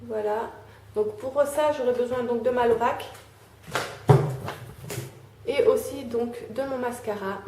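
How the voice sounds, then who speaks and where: A young woman talking through a casual makeup tutorial, filling pauses with "euh" and "hein" as she applies makeup. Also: on the high side. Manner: chatty, fills with "euh" and "hein", talks while applying makeup. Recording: echoey room, faint background noise.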